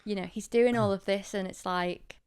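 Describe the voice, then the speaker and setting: A woman's voice: medium pitch, steady tone, moderate pace, a little mellow, clean tone. Chatty woman with a slight lisp. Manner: chatty, rambling, laughs often. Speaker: podcast co-host. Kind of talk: casual chat.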